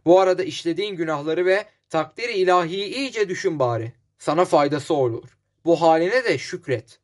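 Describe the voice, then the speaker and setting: A man's voice: fairly high pitch, expressive, fairly quick, natural voice. A man voicing a stern, contemptuous mining engineer who leads a lynch mob. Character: harsh, scornful male mining engineer leading a mob.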